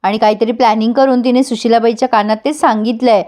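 A woman's voice: fairly high pitch, steady tone, fast talker, dark tone. A woman recapping a TV serial episode in a chatty way, talking straight to her viewers. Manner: chatty, addresses viewers directly. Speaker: TV serial reviewer.

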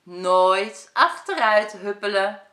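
A woman's voice: medium pitch, expressive, slow, bright, forceful tone. A woman voicing a lazy, snack-loving boy who hates exercise, whiny and complaining. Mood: plain. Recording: echoey room.

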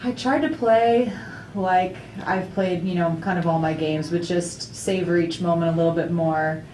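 A young woman, a soccer player, answering questions at a post-game press conference in a chatty, upbeat way, full of fillers and quick laughs. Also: lowish voice, fairly even intonation, darkish tone. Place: indoor press room before a sponsor backdrop. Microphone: table mic on a stand, camera at a distance. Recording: echoey room, distant mic, faint noise.

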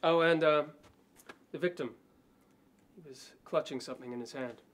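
A man's voice: a little high, normal speed, fairly bright tone, a little hiss or hum, natural voice. A man in his thirties playing a fussy, hesitant crime-scene doctor in a noir detective film, precise and hedging.

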